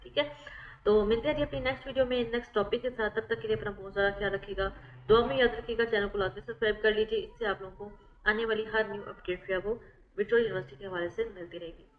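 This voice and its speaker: A woman's voice: mid-range voice, steady tone, quick pace, phone-quality sound. A woman online tutor, explaining exam material step by step over slides. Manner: repeats "theek hai" often, explains step by step.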